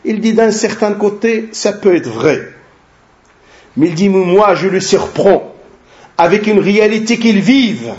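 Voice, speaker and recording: A man giving a religious lesson, translating a scholar's talk slowly and deliberately and often adding short tag questions. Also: high voice, expressive, darkish tone. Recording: dull lo-fi recording.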